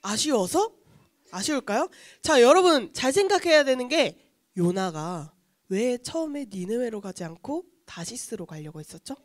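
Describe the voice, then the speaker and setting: Lively high-voiced woman children's pastor. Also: normal speed, no room sound. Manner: asks the children questions, acts out quotes. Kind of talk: children's sermon storytelling.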